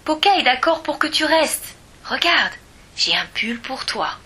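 A woman doing a bright little storybook girl. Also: high-pitched, very animated, measured pace, heavy background noise, pitched above the performer's own voice. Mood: cheerful.

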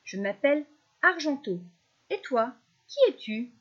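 A woman's voice: high-pitched, lively intonation, a little slow, fairly bright tone, dull audio, exaggerated voice. A woman voicing a small, brave, cheerful male fish in a storybook reading. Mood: eager.

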